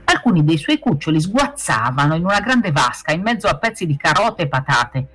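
A woman reading a children's fable aloud in a lively, expressive way. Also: deep voice, fairly quick. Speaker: storyteller, author of the tale.

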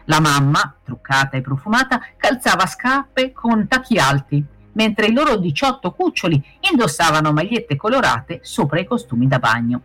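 A woman reading a children's fable aloud in a lively, expressive way. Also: on the low side, moderate pace, few pauses. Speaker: storyteller, author of the tale.

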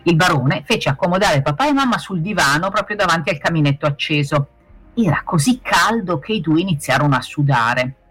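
A woman reading a children's fable aloud in a lively, expressive way. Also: low voice, brisk, slightly rough, soft background music. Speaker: storyteller, author of the tale.

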